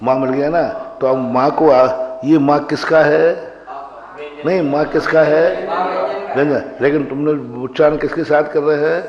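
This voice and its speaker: Male monk-teacher, slow deliberate classroom delivery that quizzes students and drills pronunciation, recorded in a roomy echoing hall. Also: medium pitch, a little mellow, slight background noise. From India. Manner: questions the class and answers himself, repeats words slowly to model pronunciation. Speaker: monk teaching Sanskrit grammar. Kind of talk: classroom lecture. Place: large hall. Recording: echoey hall, dull lo-fi broadcast sound.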